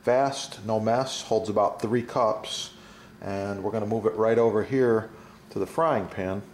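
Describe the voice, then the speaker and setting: A man's voice: fairly low pitch, measured pace, darkish tone. A middle-aged man talks casually through a cooking demonstration in his home kitchen, chatty and enthusiastic, with frequent filler words. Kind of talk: casual cooking demo with product plugs. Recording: sizzling pan noise behind. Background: frying and sizzling in the pan.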